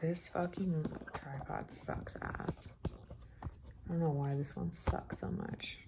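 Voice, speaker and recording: A woman's voice: deep voice, steady tone, takes it slowly, vocal fry, very noisy. A woman vlogging casually at home, rambling and muttering to herself as she fusses with a tripod-mounted camera. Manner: scattered, self-deprecating, muttering to herself.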